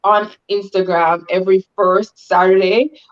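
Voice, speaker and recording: A woman's voice: medium pitch, little pitch movement, unhurried. A woman from Jamaica, a guest author chatting casually in an interview, upbeat and careful to spell things out. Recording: dull, lo-fi video call audio.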